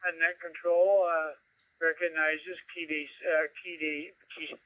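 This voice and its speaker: A man acting as net control for an amateur radio net. His voice comes through a scanner radio, and he speaks haltingly with many fillers while spelling out call signs. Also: a little high, level tone, dry recording, narrow, tinny audio. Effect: radio received through a scanner.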